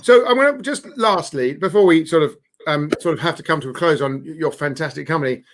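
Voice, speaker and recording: A man with a slightly higher voice hosts a casual chat over a video call. He talks in a loose, hesitant way, circling back over his words with plenty of fillers as he asks questions. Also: fast talker. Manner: chatty, hesitant with many fillers and restarts. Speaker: host.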